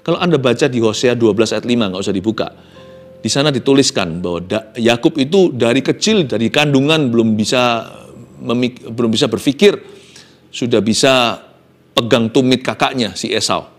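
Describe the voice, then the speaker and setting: A man's voice: mid-range voice, moderate pace. A man preaching a sermon in an emphatic way, asking rhetorical questions.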